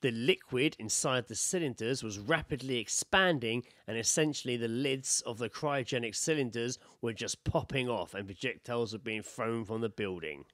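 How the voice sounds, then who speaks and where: Bantering and reading stories aloud by turns, a British male co-host of a podcast talks in a medium pitch with a blunt, laddish, swear-prone manner. The tone is fairly bright, and the very dry sound carries no echo.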